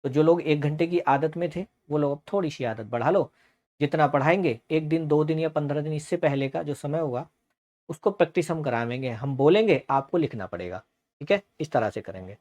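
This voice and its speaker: A man teaching a shorthand class, calling students beta and bhaiya and repeating each word slowly for dictation. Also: a little high, darkish tone, highs cut off.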